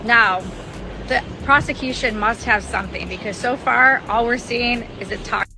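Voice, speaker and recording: A woman's voice: fairly high pitch, normal speed, loud music behind the voice, poor audio. A woman giving a gossipy on-the-scene recap of a trial. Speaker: trial reporter. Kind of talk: on-the-scene reporting.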